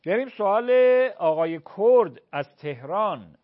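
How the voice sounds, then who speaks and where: On a call-in show, a male cleric answers callers' religious questions, speaking slowly and deliberately and repeating phrases to teach them. His voice is high-pitched and expressive, and the audio sounds narrow and tinny.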